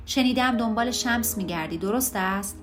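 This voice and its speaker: A woman reading the part of a gentle, motherly wife who speaks with quiet worry, in an audiobook with faint music behind. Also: fairly high pitch, lightly acted. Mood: worried. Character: worried, gentle middle-aged wife.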